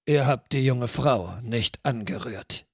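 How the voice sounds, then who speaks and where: A man's voice: mid-range voice, slow pace, creaky, slightly rough, dry recording, clean studio sound, pitched below the performer's own voice, exaggerated voice. A man voicing a blunt, short-tempered veteran warrior who growls his threats. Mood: threatening.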